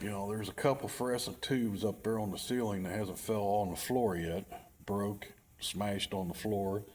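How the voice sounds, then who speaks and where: A man's voice: fairly low pitch, slight background noise. A middle-aged man rambling wryly about his channel in a casual vlog, in a cold, dim work building. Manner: rambling, wry and self-deprecating. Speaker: channel owner.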